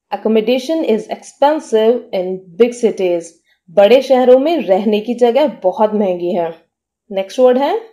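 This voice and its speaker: A woman teaching English spelling, spelling words out letter by letter and reading example sentences slowly. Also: on the high side, mellow.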